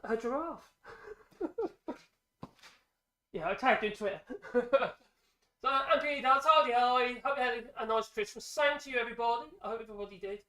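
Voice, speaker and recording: A middle-aged man with a head cold hosts a casual woodworking vlog from his home workshop, rambling and chatting with self-deprecating jokes. His very high, congested voice has a sharp tone and moves at normal speed with long pauses. A microphone hung from a ceiling clamp picks him up.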